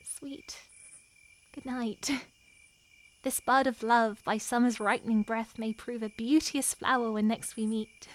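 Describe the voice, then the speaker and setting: A woman performing a lovestruck, wary young noblewoman in a Shakespearean scene, her delivery moving between hushed and impassioned. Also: fairly high pitch, steady tone, moderate pace, hardly any pauses, natural voice, rough recording. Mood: longing. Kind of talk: Shakespearean stage acting.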